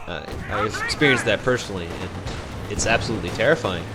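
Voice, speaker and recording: A man's voice: lowish voice, fast, loud music behind the voice. A man giving solo play-by-play commentary on a strategy game tournament, chatty and thinking aloud, often second-guessing himself. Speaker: game caster. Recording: loud game gunfire and artillery behind the voice.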